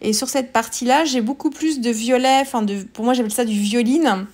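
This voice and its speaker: A woman's voice: on the high side, brisk, darkish tone. A woman hosting a scrapbooking tutorial, talking casually with many fillers and restarts as she explains her steps. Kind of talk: casual craft tutorial voice-over.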